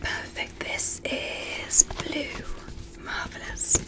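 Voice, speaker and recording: In a whispered ASMR medical roleplay, a woman plays a gentle, curious alien doctor. Her speech is soft and breathy, with careful, reassuring, formal wording and drawn-out words over music. The mood is gentle and encouraging.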